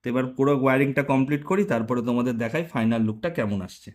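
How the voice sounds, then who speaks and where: A man races through his narration of a hands-on motorcycle tutorial for his vlog, speaking in a mid-range voice. He keeps it casual and informal as he guides viewers step by step.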